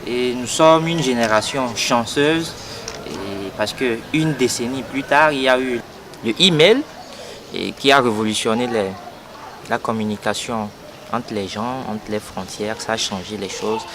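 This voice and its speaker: A man's voice: medium pitch, measured pace. A young man, giving an earnest political statement for an interview and hesitating often with fillers and repeated words. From Togo. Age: 20s. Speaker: young party activist. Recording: noisy outdoor street recording.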